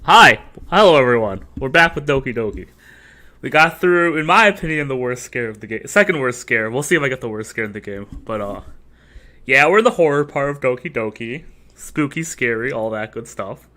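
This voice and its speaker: A young man streaming a horror game as host, rambling and joking, his talk dropping to mumbles between louder bursts, into a desk mic at home. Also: mid-range voice, lively intonation, a little fast. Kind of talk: casual gameplay commentary. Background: faint game music.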